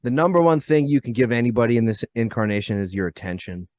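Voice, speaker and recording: A man speaking as a guest on a podcast, animated, ranty and profane in casual chat. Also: mid-range voice, fast talker, no echo.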